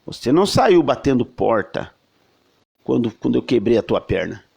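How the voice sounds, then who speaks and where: A man voicing a solemn male angel of God, speaking slowly, low and gravely. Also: big pitch swings, darkish tone, heavily acted.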